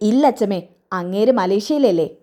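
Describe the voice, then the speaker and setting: A woman voicing a calm young husband who explains things patiently. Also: medium pitch, fairly quick, pitched below the performer's own voice, close to an everyday voice.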